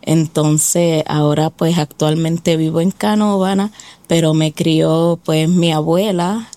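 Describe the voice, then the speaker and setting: A woman's voice: sits low, fairly even intonation, slow pace, warm tone, dry recording. A Puerto Rican woman giving her personal testimony as a guest in an interview, talking hesitantly with many filler words. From Puerto Rico.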